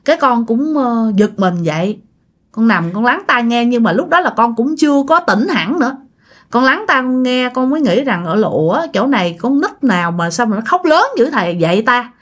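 A woman telling a ghost story in a chatty way, speaking directly to her listeners. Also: on the high side. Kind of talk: casual ghost story narration.

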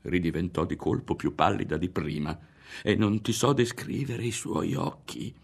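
A man with a low voice and an Italian accent reads a novel aloud in a studio. His delivery is theatrical and dramatic, rising in tension for violent scenes and dropping to a hush for reflection. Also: lively intonation, moderate pace, gravelly, husky. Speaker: audiobook reader. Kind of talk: expressive literary reading.

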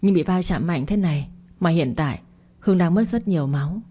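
A woman reading the lines of a male doctor in a storybook, speaking in a hurried, blunt way. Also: fairly low pitch, warm tone, breathy edge. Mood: urgent.

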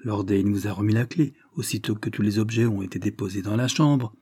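A man voicing a shrewd gentleman who questions people calmly and firmly. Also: lowish voice, breathy edge, no room sound. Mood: probing. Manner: measured, questioning, firm. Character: shrewd gentleman adventurer, calm, probing.

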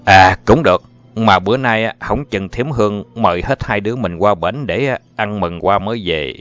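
A man's voice: lowish voice, normal speed, a bit bright, natural voice. A man voicing a boastful, swaggering grown man in an audiobook, talking in a jovial Southern Vietnamese accent. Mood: bossy. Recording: muffled with faint music.

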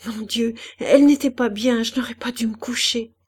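A woman voicing a frantic young mother who cries out in high, loud panic over her sick child in an audiobook. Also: fairly even intonation, moderate pace, breathy edge. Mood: panicked.

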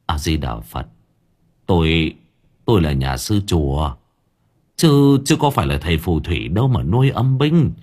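A man voicing a fretful Buddhist monk who mutters low and stammers as he speaks. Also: sing-song, moderate pace, long pauses, a little mellow. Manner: low muttering, stammers, clicks his tongue.

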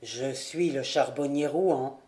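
A woman voicing a mysterious, calm male charcoal burner in an audiobook, speaking slowly and gravely. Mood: sad. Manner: slow, grave and low. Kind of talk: audiobook character voice.

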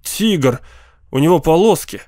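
An excitable little boy who blurts out high, eager cries, played by a male narrator. His voice is pushed well above the reader's own. The recording is dry and close. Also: unhurried, no room sound. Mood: indignant.

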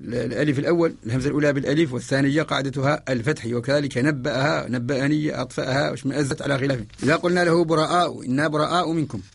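A man's voice: medium pitch, fairly even intonation, very fast, gravelly, husky. A man giving a methodical radio lesson, chanting verse lines and then explaining them through example questions to an imagined student. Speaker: Quran spelling teacher.

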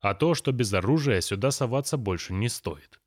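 A man's voice: medium pitch, lively intonation, normal speed, no echo, studio quality, lightly acted. A man voicing a bossy, know-it-all grown man who lectures his friends and scolds a child. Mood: musing. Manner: thoughtful, lecturing, then scolding.

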